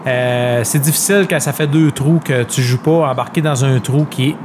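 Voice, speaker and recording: A man's voice: medium pitch, normal speed. Hesitant man analysing golf, noisy background. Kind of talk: unscripted sports analysis. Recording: clear background noise.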